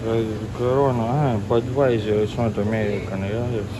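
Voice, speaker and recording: A man from Russia with a Russian accent, chatting casually in halting, rambling English as a travel vlogger live-streaming. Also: medium pitch. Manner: halting, rambling English with repeated filler words. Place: walking around city streets and shops at night. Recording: noisy city street, traffic and hum.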